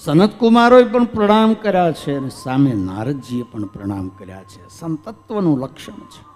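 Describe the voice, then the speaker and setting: A man's voice: on the high side, darkish tone. Gujarati man chanting a hall sermon. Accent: Gujarati, from Saurashtra. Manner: recites verses in a singing lilt, then explains them plainly. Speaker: religious storyteller. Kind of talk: devotional story sermon with chanted scripture. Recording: long hall reverb with faint music.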